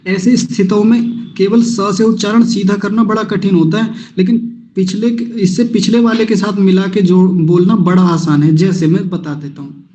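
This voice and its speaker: In a low-quality recording, a man with a high, dark-toned voice and fairly even intonation teaches Sanskrit verse recitation in an online class. He patiently and slowly drills pronunciation syllable by syllable, breaking words apart and having students repeat after him.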